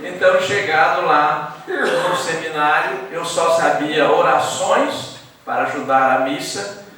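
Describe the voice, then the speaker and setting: A man's voice: fairly high pitch, a little slow, crowd noise. A man from Santa Catarina, Brazil, giving a formal tribute speech at an academy ceremony, erudite and digressive, dropping in Latin phrases and jokes. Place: embassy reception hall. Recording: echoey hall, mic far off.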